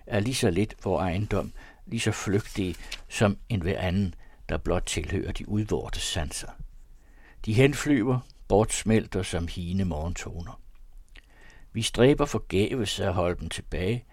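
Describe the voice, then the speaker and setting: A man narrating a classic novella as an audiobook, with a measured, expressive reading on a close studio mic. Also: low voice, no room sound. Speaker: audiobook reader.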